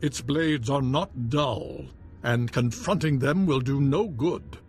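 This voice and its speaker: An actor voices a haughty, wary nobleman baron in a video game, a dismissive husband, delivering scripted lines in a formal, dismissive manner. He speaks slowly in a medium-pitched, fairly everyday voice, with slight background noise.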